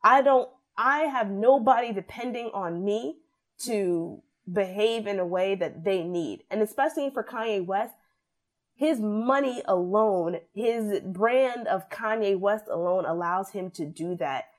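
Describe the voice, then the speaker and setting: A young adult woman in casual podcast discussion, opinionated and animated, often acting out what others said. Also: medium pitch, unhurried. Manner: animated, opinionated, acts out quoted voices.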